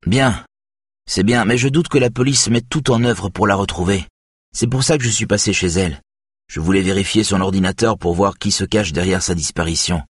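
A man's voice: deep voice, normal speed, slightly rough, dry recording, clean studio sound, voice pushed up. A man voicing a nervous, defiant young male hacker who talks in a tense, insistent way.

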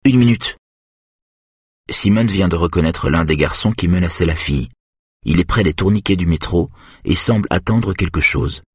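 Deep husky male story reader. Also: moderate pace, dry recording, studio quality. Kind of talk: reading a novel aloud.

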